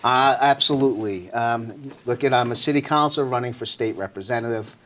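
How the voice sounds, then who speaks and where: A man's voice: mid-range voice, brisk, fairly bright tone, slight background noise. Male local politician as interview guest, mid-range voice, informal, conversational, leaning on filler phrases. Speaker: city councilor running for state representative, interview guest.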